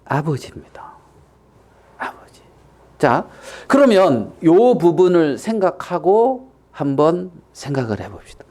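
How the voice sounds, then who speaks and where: Slow, animated male pastor preaching. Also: fairly high pitch. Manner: animated, acts out quotes, asks the audience questions. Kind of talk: sermon.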